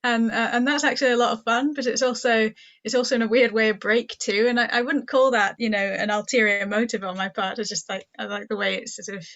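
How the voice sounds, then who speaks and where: A woman's voice: fairly high pitch, fairly even intonation, fast, fairly bright tone. Hesitant woman, lo-fi podcast sound. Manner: hesitant, searching for words. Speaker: podcast co-host. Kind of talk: casual chat.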